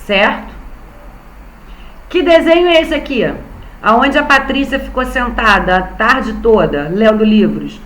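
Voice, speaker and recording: A woman's voice: on the high side, animated, measured pace, a bit bright, reverberant, poor audio. A young Brazilian woman teaching an online class to small children, patiently spelling out syllables. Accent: Brazilian Portuguese. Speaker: primary school teacher.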